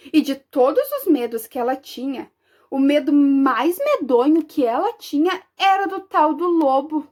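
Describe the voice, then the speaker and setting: A preschool teacher from Brazil telling a story to young children in an expressive, sing-song way. She is a woman with a very high voice that rises and falls widely.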